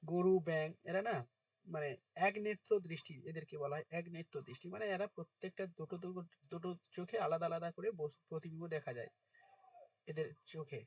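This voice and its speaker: A male teacher, dictating notes and quizzing students in an informal lesson, his voice going hoarse. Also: a little high, brisk, no echo, far from the mic. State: voice getting hoarse.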